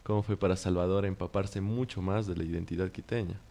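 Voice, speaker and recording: A male interviewer with a notably low voice asks relaxed questions in a conversational back-and-forth. He keeps the guest going with quick acknowledgements. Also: creaky. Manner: brief backchannels, friendly questions. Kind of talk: casual interview talk.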